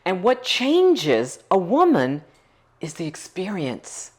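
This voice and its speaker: Woman, middle-aged, very low voice, earnest, emphatic, interview. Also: wildly swooping pitch, takes it slowly. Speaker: nonprofit founder. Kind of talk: documentary interview.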